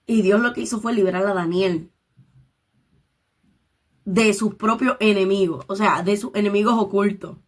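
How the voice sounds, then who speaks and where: A woman's voice: medium pitch, moderate pace, long pauses. A woman leading a Bible study, reading scripture aloud and explaining it in her own words, dropping in English interjections. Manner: reads scripture aloud and paraphrases it.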